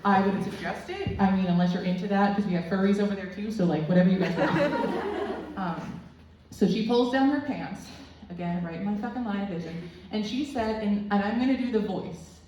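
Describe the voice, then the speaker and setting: A woman's voice: medium pitch, moderate pace, darkish tone, lo-fi sound. A woman in her twenties doing rambling, crude, self-deprecating stand-up storytelling in a small club room. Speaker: stand-up comedian. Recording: very echoey room, distant mic, faint noise.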